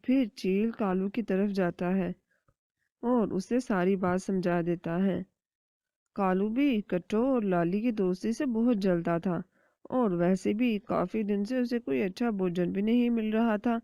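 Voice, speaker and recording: A woman narrating a children's cartoon story in a steady storytelling manner. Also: medium pitch, dry recording. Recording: dull dry lo-fi recording.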